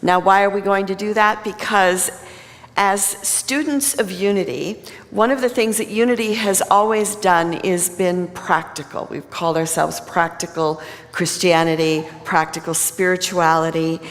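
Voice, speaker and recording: A woman's voice: on the low side, normal speed. Woman minister at a pulpit microphone. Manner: conversational, plain-spoken. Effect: speaking at a pulpit microphone. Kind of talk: sermon. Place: church sanctuary. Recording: long reverb of a large hall.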